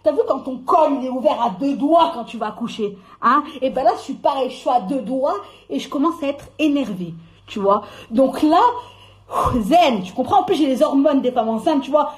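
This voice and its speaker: A young woman on a phone live stream, angrily swearing and ranting, swinging between shouts and low mutters. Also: lively intonation, moderate pace. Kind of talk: heated live-stream rant. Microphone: phone during a live stream.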